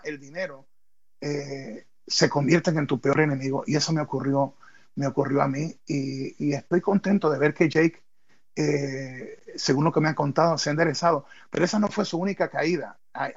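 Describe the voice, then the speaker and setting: A man, a former wrestler turned pastor, telling a personal story in a podcast interview, halting and repeating words. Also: on the high side, gravelly, lo-fi sound.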